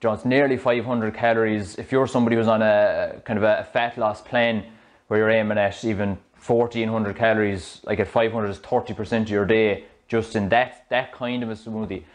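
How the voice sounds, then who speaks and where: A man's voice: lowish voice, fairly even intonation, brisk. Chatty Irish man in a kitchen. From Ireland. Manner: chatty, explanatory, loose restarts. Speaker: fitness coach. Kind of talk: casual cooking demonstration. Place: home kitchen, indoors. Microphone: small clip-on mic.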